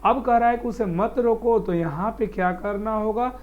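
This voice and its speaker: A man's voice: sits high, normal speed. A male teacher, patiently explaining translation and quizzing the viewer as he goes. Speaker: English teacher. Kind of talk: explaining Hindi-to-English translation. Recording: dull lo-fi recording.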